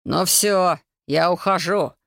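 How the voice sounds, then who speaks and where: A reader voicing a furious, frightened middle-aged man who shouts and spits insults, read as an audiobook character. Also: high-pitched, a little fast, creaky, dry recording, clean studio sound. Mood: shaky.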